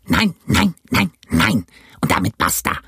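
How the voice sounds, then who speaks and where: A man voicing a gruff, hard-drinking old sea captain in an audiobook, barking between low growls and sudden high shouts. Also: huge pitch swings, takes it slowly, no room sound, clean studio sound, exaggerated voice. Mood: furious. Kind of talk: audiobook reading.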